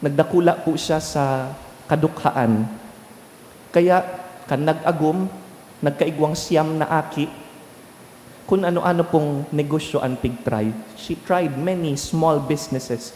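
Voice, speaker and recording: Slow, mellow-voiced priest in an echoey church. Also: male voice, fairly high pitch, a little hiss or hum. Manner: slow, unhurried homily mixing Bikol and English. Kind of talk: sermon. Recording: echoey church with long reverb.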